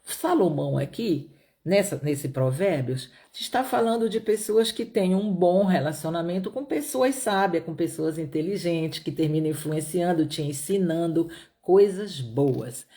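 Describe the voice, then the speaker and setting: Teaching on a Bible proverb, a middle-aged woman from Piauí in Brazil's Northeast, who has a Pará accent, speaks a little slowly in a fairly low, mellow voice with lively intonation. She keeps it conversational, repeats points, and often asks "né?".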